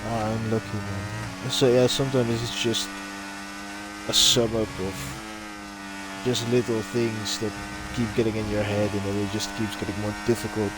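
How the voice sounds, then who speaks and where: A man's voice: lowish voice, level tone, normal speed, background noise. A man casually commentating a live sim racing stream and chatting with viewers. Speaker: race commentator.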